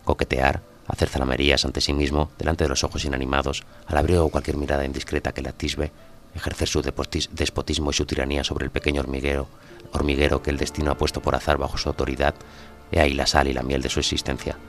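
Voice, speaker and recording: A man's voice: a bass voice, flat delivery, fast talker. A man reading a story aloud, expressively voicing the characters' lines. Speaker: narrator.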